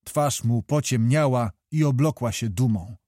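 A male audiobook narrator telling a historical novel in a measured, even way. His voice is warm and mellow, in a middle register. The recording is close and dry, with no room sound. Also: mid-range voice, no room sound.

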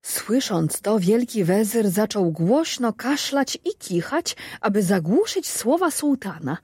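A woman reading a fairy tale aloud with lively, expressive narration. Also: mid-range voice, measured pace, slightly rough, no room sound, clean studio sound. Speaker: storyteller.

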